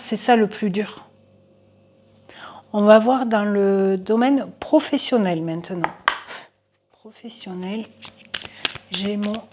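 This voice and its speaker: Female card reader, slow and halting, lots of fillers, casual reading for viewers. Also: mid-range voice, background noise. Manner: hesitant, many fillers, thinking aloud.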